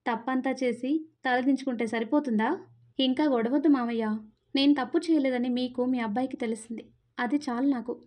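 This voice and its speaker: A woman's voice: sits high, fairly even intonation, brisk, a little mellow, natural voice. A woman voicing a hurt young wife in a storybook reading, tearful and pleading. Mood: bitter.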